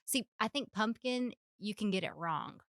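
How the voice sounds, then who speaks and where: A woman's voice: medium pitch, normal speed, no room sound. A young woman, a business owner guesting on a podcast, chatting enthusiastically and laughing often. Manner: giggly, enthusiastic, animated. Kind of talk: casual chat.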